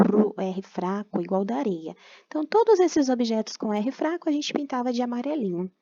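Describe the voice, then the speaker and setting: Brazilian teacher lady doing an online class, kinda high voice, dull dry computer mic sound. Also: creaky, a little mellow, no echo. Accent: Brazilian Portuguese. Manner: patient and explanatory, tags phrases with "tá?"; stretches out words slowly to sound them out. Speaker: primary school teacher. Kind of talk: recorded remote class lesson.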